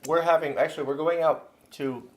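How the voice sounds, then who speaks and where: A man's voice: a little high, fairly quick. A man from the United States, the son-in-law, joking casually in a home kitchen and wrapping up the video for viewers. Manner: lively, joking, wraps up the video.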